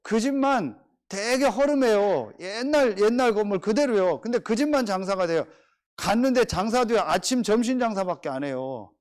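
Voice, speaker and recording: Male pastor, sermon, high voice, very animated pitch, rhetorical questions, storytelling. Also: moderate pace.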